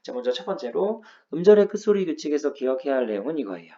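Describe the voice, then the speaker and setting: Patient male teacher, dark mellow voice. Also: a little high, big pitch swings, quick pace, dull audio. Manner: patient step-by-step explaining, frequent "ja" prompts. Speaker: Korean language teacher. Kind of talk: lecture explaining grammar rules.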